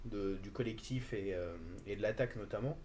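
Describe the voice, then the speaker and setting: A man's voice: fairly low pitch, a little fast, a little mellow, a little hiss or hum. A man answering as a football pundit on a live stream, hesitant with frequent fillers. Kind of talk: casual live-stream discussion.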